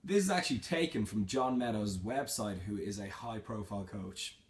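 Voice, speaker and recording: Low-pitched young man, casual and matter-of-fact. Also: lively intonation, normal speed. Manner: informal, matter-of-fact, slangy. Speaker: fitness vlogger. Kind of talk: casual Q&A to camera, reading and answering questions.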